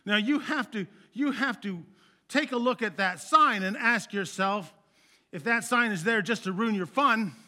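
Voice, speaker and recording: At a measured pace, the pastor works through his sermon in an earnest, conversational tone, his loud emphatic peaks giving way to quiet, low finishes.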